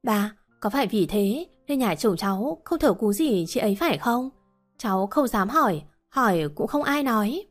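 A woman voicing a meek, polite young pregnant wife who asks gentle questions, over faint music. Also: a little high, lively intonation, moderate pace. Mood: curious.

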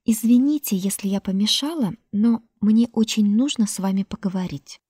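A woman voicing a quiet, fragile young woman who speaks very softly. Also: fairly high pitch, moderate pace, slightly rough, dry recording, clean studio sound, pitched above the performer's own voice. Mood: timid. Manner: whispering.

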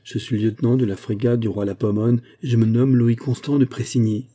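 A man voicing a stern naval officer who shouts orders and swears a formal oath in an audiobook. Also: mid-range voice, fairly even intonation, brisk, natural voice.

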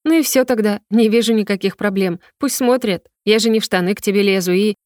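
A woman's voice: mid-range voice, brisk, a little mellow, no echo, clean studio sound, natural voice. A woman doing a teasing young heroine. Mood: coy.

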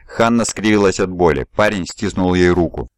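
A man narrating an audiobook in an even, measured reading voice. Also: deep voice, no room sound. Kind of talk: scripted narration.

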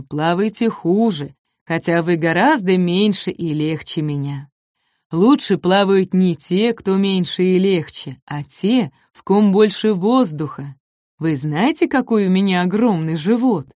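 A huge, gentle long-necked dinosaur speaks slowly and wisely, voiced by a woman. His words come unhurried and deliberate, a touch lower and softer. The recording is dry and near. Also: no echo, lightly acted. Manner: slow, deliberate.

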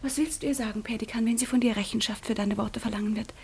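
A proud, breathy young convent girl. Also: a little high, steady tone, quick pace, darkish tone. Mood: hushed intense. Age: young adult. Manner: drops often to a tense whisper. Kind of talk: studio radio drama acting.

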